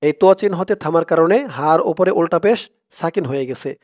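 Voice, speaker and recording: A man with a slightly high voice teaches Quran reading in a slow, step-by-step lesson. He breaks words into syllables, then chants them louder and drawn out.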